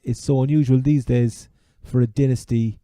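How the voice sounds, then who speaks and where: Cork irish bloke co-hosting casual sports talk, very mellow medium-pitched voice, no room sound. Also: male voice, steady tone, normal speed, no room sound, clean studio sound. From Ireland. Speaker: sports podcast co-host.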